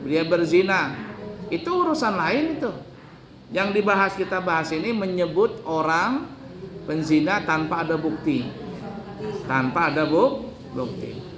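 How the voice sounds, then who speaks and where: A man's voice: on the high side, roomy sound, noisy background. A man giving a colloquial sermon, telling a story with acted-out dialogue. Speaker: preacher.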